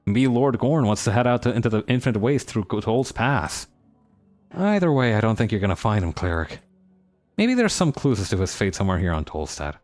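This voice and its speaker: A man's voice: fairly low pitch, sing-song, fairly quick, darkish tone. A man voicing a wry, teasing townswoman in a game who chats through rumors. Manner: teasing, chatty.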